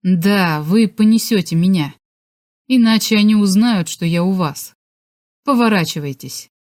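A woman voicing a secretive male scientist on the run in an audiobook, speaking in a hushed, urgent way. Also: medium pitch, a little slow, natural voice. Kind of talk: audiobook character voice.

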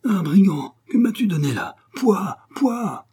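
A man's voice: medium pitch, expressive, normal speed, dark tone, breathy edge. A man putting on a drunk stammering locksmith. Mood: groggy, indignant. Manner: mumbling, stammering, querulous. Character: drunk, groggy master locksmith, middle-aged man.

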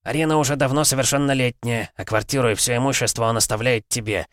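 A man's voice: mid-range voice, fairly even intonation, fast talker, a bit bright, no room sound, clean studio sound, voice pushed up, natural voice. A man voicing an irritated older father-in-law in an audiobook, scolding and blunt. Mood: exasperated. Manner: scolding, exasperated. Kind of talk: audiobook narration.

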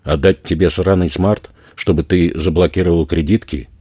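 A man doing a loud, crude street robber. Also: low-pitched, steady tone, normal speed, husky, no room sound, studio quality. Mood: threatening. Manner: loud, swearing, bullying. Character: rough male street robber, crude, menacing.

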